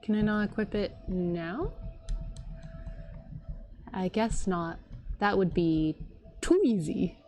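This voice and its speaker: A woman streaming a video game with casual, reactive live commentary, expressive and full of exclamations. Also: mid-range voice, slow pace, long pauses, a little hiss or hum.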